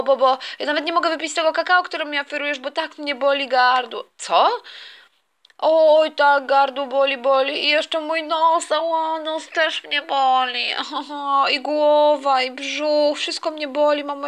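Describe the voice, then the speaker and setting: A woman's voice: high-pitched, fairly even intonation, moderate pace, pushed and bright. A woman voicing a whiny, scheming young boy who doesn't want to go to kindergarten, in a toy play story. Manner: whining, complaining, stammering.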